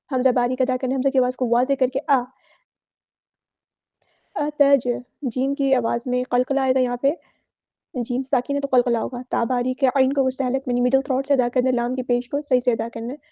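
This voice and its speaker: A woman with a Pakistani Urdu accent teaching Quran recitation rules word by word, chanting each word slowly, then explaining it briskly. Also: high voice, warm tone, no echo, lo-fi sound. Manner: slow drawn-out recitation alternating with brisk explanation.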